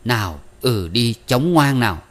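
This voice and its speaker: A man's voice: medium pitch, lively intonation, moderate pace, lightly acted. A man voicing a fawning, chatty middle-aged woman matchmaker who coaxes and wheedles in an audiobook reading. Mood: pushy. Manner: wheedling, coaxing, persuasive.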